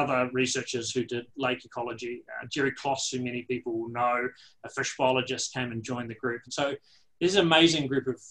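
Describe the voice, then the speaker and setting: A man's voice: medium pitch, a bit bright, rough recording. A man with a New Zealand accent telling his story as an interview guest, with wry, self-deprecating humour. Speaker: interview guest, water science professor.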